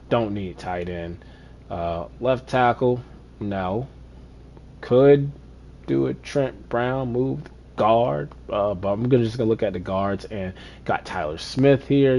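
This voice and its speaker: A man with a fairly low voice gives casual gameplay commentary. He talks to himself, musing over choices, and now and then launches into an exasperated rant. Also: slow, darkish tone, lo-fi sound, slight background noise. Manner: chatty, muttering to himself, exasperated rants. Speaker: gaming streamer.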